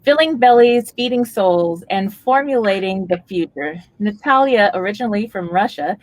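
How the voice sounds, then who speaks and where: A woman's voice: mid-range voice, animated, normal speed, no echo. Upbeat woman radio host. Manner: upbeat, promotional intro reading. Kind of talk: interview talk show.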